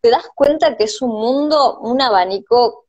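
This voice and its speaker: A woman's voice: a little high, moderate pace, darkish tone. A woman hosting an interview, chatting and answering with frequent short agreements. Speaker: host. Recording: dull lo-fi audio.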